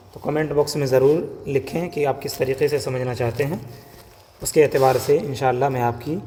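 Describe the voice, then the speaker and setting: A patient male teacher with a fairly high but mellow voice, taking his viewers through a writing lesson one letter at a time. He sounds out each sound slowly and repeats it. The voice rings with a long reverb.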